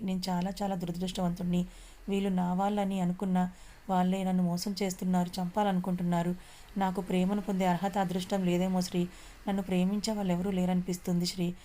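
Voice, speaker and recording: A woman's voice: fairly low pitch, dark tone, close to an everyday voice. A woman reading the part of a hurt young man betrayed by his family, in a story. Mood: despairing. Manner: anguished.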